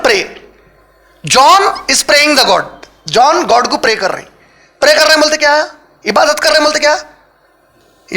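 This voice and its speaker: A man teaching a live religious class, firing quick questions at his listeners and mixing English words into his talk. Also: very high-pitched, sharp tone. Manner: quizzes the audience with quick questions. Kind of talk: interactive Quran lesson lecture. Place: lecture hall with a live audience.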